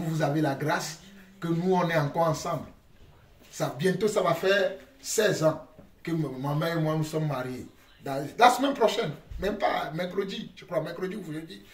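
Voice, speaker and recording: A man's voice: fairly high pitch, normal speed. A middle-aged man, a father leading family worship, speaking earnestly and repeating his phrases as he exhorts his children. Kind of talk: family devotional talk. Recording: echoey room, distant mic, music behind.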